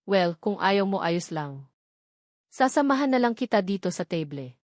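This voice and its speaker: A pushy young man who keeps pressing his case in an even, smooth voice, put on lightly by a woman reading a story. He sounds insistent rather than rough. The sound is dry and close. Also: mid-range voice, normal speed, no room sound, close to an everyday voice.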